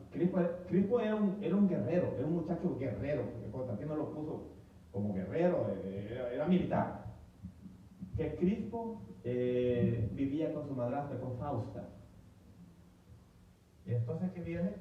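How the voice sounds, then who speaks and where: A male pastor preaching a history sermon in an animated way, acting out voices and often repeating himself. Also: a little high, a little hiss or hum. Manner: animated, acts out quoted voices, stumbles and repeats words. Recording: heavy echo, distant mic, tinny phone-like sound.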